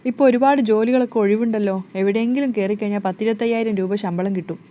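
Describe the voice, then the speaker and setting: Woman storyteller reading a scheming elderly grandmother, teasing, rapid delivery. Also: on the high side, fairly even intonation, dark tone, close to an everyday voice. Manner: teasing, wheedling. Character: scheming old grandmother, coaxing and sly.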